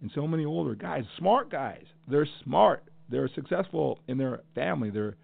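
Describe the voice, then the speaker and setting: A man's voice: a little high, animated, moderate pace, vocal fry, no echo. A middle-aged man hosting a solo podcast, talking earnestly and emphatically, repeating phrases to drive his point home. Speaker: podcast host. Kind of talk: passionate solo podcast monologue. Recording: tinny phone-like audio.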